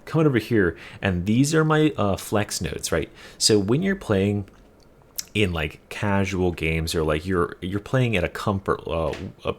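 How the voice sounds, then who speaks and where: Explaining a build in casual gameplay commentary, this young guide creator talks loosely, curses, and leans on fillers. He speaks in a low, animated voice at a slightly slow pace.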